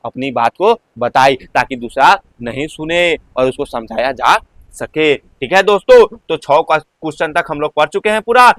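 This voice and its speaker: A man's voice: fairly high pitch, fairly bright tone, no room sound. A male teacher with a Bihari Hindi accent explains class exercises, asking his students questions and then answering them himself. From Bihar, India. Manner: keeps quizzing listeners with his own questions, then answering.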